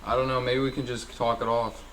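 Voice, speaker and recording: A man's voice: medium pitch, little pitch movement, fairly quick, a bit bright, a little hiss or hum, rough recording. A man co-hosting a podcast, chatting casually in an earnest, opinionated way. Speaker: podcast co-host. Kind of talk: casual chat.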